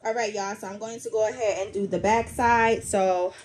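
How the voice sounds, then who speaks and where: A woman's voice: medium pitch, fairly even intonation, normal speed, a little mellow. A woman hosting a hands-on craft tutorial, chatting casually and folksily to viewers as she works. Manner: folksy, addresses viewers as y'all; talks while working with hands. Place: small indoor craft workroom. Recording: noisy room, uneven camera-mic sound.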